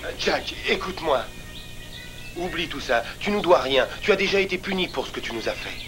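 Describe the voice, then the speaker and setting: A man voicing a calm, level-headed teenage boy in a French cartoon dub, speaking in a measured, reassuring way. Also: on the high side, over music, natural voice.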